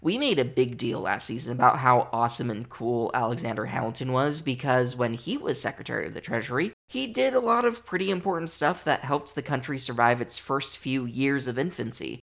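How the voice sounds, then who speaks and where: A man's voice: mid-range voice, animated, a little fast, vocal fry, few pauses, fairly bright tone. A man hosting a history podcast, talking in a casual, wry, chatty way with side remarks. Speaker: podcast host.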